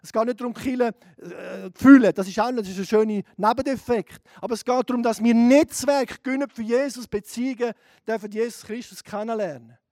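A middle-aged man with a Swiss German accent preaching a fervent sermon, dropping to a hush and rising to shouts. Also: extremely high pitch, brisk, no echo, clean studio sound. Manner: fervent, swings from hushed to shouting.

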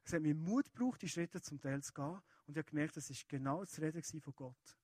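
A man with a Swiss German accent preaching a sermon, talking to the congregation in an earnest, conversational way. His voice sits a bit higher than most men's, and the recording is dry and close. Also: quick pace, a little mellow, no room sound. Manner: earnest and conversational, addressing listeners directly.

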